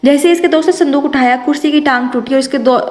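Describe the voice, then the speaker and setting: A young woman narrating an audio novel with lively first-person storytelling. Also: sits high. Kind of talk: reading an audio novel aloud. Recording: roomy echo.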